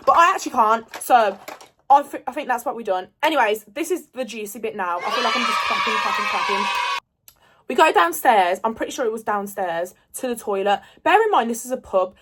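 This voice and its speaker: A woman's voice: on the high side, expressive, brisk, fairly bright tone, a little hiss or hum. Chatty woman telling a storytime. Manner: chatty, rambling, swears freely. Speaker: storyteller vlogger. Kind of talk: casual storytime vlog.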